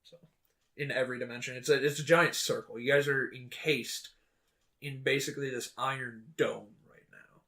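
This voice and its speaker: A man's voice: medium pitch, steady tone, moderate pace, sharp tone. A man narrating as dungeon master of a tabletop game, loose and rambling with many fillers.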